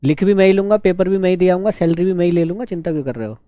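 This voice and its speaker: A man teaching a shorthand class, teasing his students and dictating words slowly. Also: high-pitched, mellow, no echo. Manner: slow, drawn-out dictation. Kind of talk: live online class dictation.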